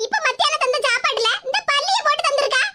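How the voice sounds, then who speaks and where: A shrill, sky-high cartoon grandmother who schemes and scolds in a broad Tirunelveli accent, voiced by an actor in a sped-up squeaky tone. Loud hiss runs under the recording. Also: lively intonation, quick pace. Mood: accusing. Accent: Tirunelveli Tamil. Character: scheming elderly mother-in-law, shrill and accusing. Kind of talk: animated village comedy.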